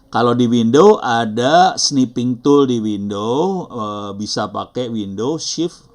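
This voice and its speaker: A middle-aged instructor with an Indonesian accent teaches a live online class in a mid-range, animated voice at a slow pace. He talks casually, thinking aloud and apologizing often.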